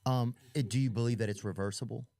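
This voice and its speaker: A man's voice: medium pitch, steady tone, fast, mellow. A man hosting a casual podcast conversation, talking in a loose, rambling and joking way. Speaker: podcast host.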